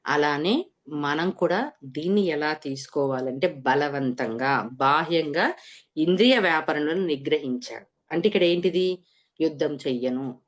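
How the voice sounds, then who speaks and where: A woman explains scripture to her listeners in a fairly low voice. She works through each verse, poses rhetorical questions and answers them herself. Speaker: spiritual teacher. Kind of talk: scripture lesson.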